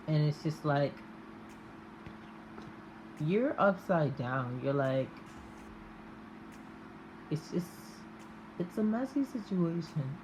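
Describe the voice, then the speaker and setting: A woman with a low voice gives an intimate, off-the-cuff tarot reading. She speaks very slowly, musing and halting with long pauses between phrases. There is clear noise behind her voice. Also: muffled recording. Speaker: tarot reader.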